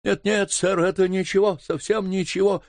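A man's voice: on the low side, animated, normal speed, darkish tone, no room sound. A man reading an audiobook voices a nervous, evasive male butler.

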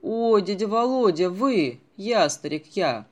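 A man's voice: high voice, animated, brisk, pitched above the performer's own voice. A man doing a frightened teenage boy. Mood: overjoyed. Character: teenage boy on holiday, frightened but quick.

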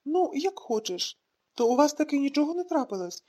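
A woman's voice: sits high, very animated, a little fast, dark tone. A woman reading an audiobook, voicing an anxious elderly mother asking questions on the phone. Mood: worried. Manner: worried, questioning.

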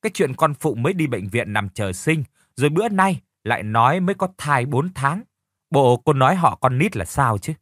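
A man voicing a sharp-tongued, worried middle-aged woman who scolds loudly. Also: medium pitch, expressive, normal speed, no room sound, clean studio sound. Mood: scolding. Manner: scolding, alarmed.

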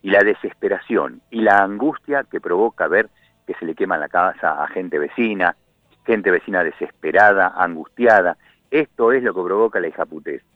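A man's voice: deep voice, normal speed, no room sound. An Argentine man, a radio correspondent, calling in and talking in an impassioned, indignant way with many restarts. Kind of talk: phone-in radio commentary. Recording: tinny phone line.

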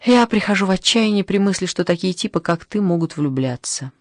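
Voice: mid-range voice, lively intonation, brisk, no room sound, clean studio sound, lightly acted. A reader voicing a sheepish young man. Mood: teasing. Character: flustered, evasive young man, devil's envoy.

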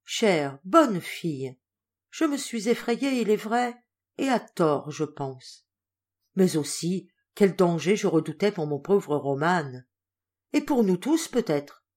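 A woman voicing an excitable, warm-hearted old male general in an audiobook, speaking emphatically. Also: on the low side, takes it slowly, full character voice. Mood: agitated.

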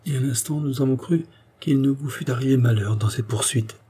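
A man's voice: mid-range voice, brisk, mellow, husky. A man voicing an anxious, tender queen who speaks in a pleading, reproachful way.

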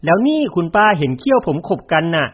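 A man's voice: fairly high pitch, sing-song, fast, husky. A man voicing a polite, cheerful young man speaking eagerly on the phone in a storybook reading. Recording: dull lo-fi recording.

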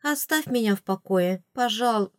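A woman's voice: fairly high pitch, expressive, a little slow, no room sound, studio quality. A woman voicing a tired young heroine who answers in a grumbling, sarcastic tone.

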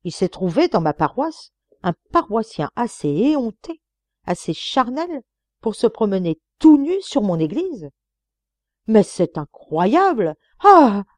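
A woman's voice: on the low side, lively intonation, normal speed, pauses often, dark tone, no echo, studio quality, lightly acted. A woman reading an audiobook and voicing a pompous elderly village priest who preaches to children and stammers when alarmed.

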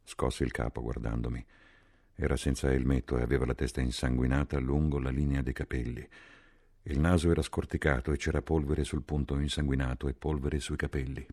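A man reading a novel aloud in a measured, sober narration. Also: extremely low pitch, flat delivery, a little mellow, slightly rough, no room sound, studio quality. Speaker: audiobook reader. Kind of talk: literary audiobook narration.

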